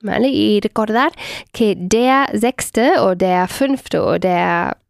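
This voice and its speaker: A woman gives a one-on-one German lesson. She speaks slowly and patiently, praising and correcting pronunciation. The sound is dry and close. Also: mid-range voice, creaky, dry recording. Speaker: German language teacher.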